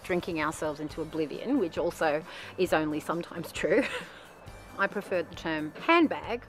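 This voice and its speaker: Candid woman narrating, lowish voice. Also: fairly bright tone. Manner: chatty, self-deprecating, laughs between phrases. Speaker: documentary filmmaker and narrator.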